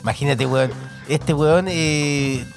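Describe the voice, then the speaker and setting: A man with a Chilean accent in casual chat, firing quick slangy questions and banter. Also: on the high side, steady tone, vocal fry, over music. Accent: Chilean Spanish.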